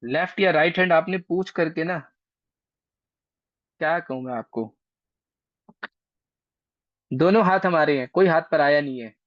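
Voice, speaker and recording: A man's voice: fairly high pitch, measured pace, pauses often, no echo. A man teaching an online astrology class in a casual, chatty way, coaxing and teasing his students, heard over a video call. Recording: dry, dull lo-fi call audio.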